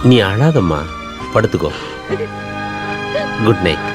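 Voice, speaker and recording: An actor playing a wealthy middle-aged father, speaking in a calm, placating way in a film scene. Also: fairly low pitch, slow pace. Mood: gentle. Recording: film soundtrack with music. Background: film score.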